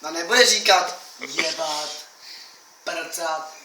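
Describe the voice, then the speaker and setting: A man's voice: fairly high pitch, crowd noise. A young man rambling to the camera in a brash, crude, taunting way. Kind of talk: rambling boastful monologue to camera. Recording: echoey room, mic at a distance, faint hiss.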